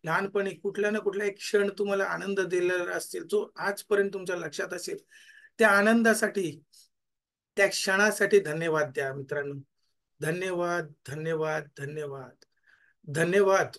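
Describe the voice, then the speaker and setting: A man, a life coach leading a guided gratitude meditation, who repeats his thanks more and more softly until they trail off. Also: high-pitched, fairly even intonation, moderate pace.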